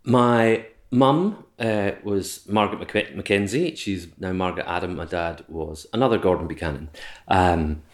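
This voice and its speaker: A man's voice: sits low, normal speed. A Scottish man in his forties, the interview guest, recalling his childhood in a reflective, hesitant way with many restarts. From Scotland. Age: 40s. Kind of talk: casual conversation.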